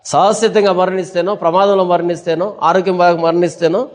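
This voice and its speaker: Male pastor, high pitch, emphatic sermon delivery full of rhetorical questions, long reverb tail. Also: level tone, a little fast.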